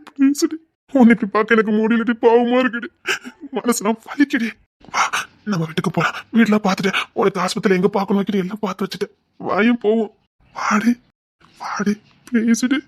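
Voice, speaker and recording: A man with a Tirunelveli accent playing a remorseful young husband, pleading in a hushed, tearful voice. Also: high-pitched, natural voice. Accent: Tirunelveli Tamil. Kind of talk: web drama acting.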